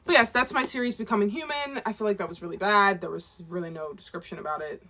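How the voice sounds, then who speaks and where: A woman's voice: medium pitch, fast, background noise. A woman in her twenties, an author rambling casually to camera in a chatty, self-deprecating way. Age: 20s. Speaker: author and vlogger.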